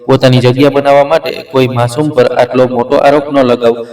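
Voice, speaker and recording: A man's voice: medium pitch, level tone, a little fast, darkish tone, close to an everyday voice. A man voicing a stern older mother-in-law. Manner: stern and firm. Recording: roomy, distant mic.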